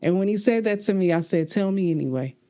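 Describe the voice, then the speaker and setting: A woman's voice: medium pitch, expressive, quick pace, dark tone. A woman co-hosting a casual relationship podcast, speaking earnestly about faith and marriage and laughing often. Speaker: podcast co-host.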